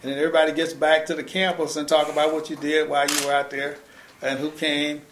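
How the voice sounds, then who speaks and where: Fast-talking older man in a roomy space. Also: a little high, flat delivery, background noise. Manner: quick, emphatic storytelling with many restarts. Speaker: interviewee, former civil rights organizer. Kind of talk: oral history interview, reminiscing. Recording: roomy echo.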